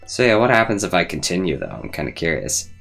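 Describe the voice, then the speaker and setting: A man's voice: sits low, very animated, fast, gravelly, fairly bright tone. A man giving casual let's play commentary, rambling and thinking aloud in loose asides. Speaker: gaming video host. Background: faint game music.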